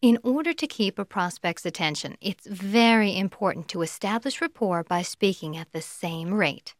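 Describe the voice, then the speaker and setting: A woman's voice: fairly low pitch, normal speed, dry recording, studio quality. A woman giving an instructional talk on sales rapport, playful and given to acting out the voices she describes, with a light laugh between points. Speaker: sales trainer.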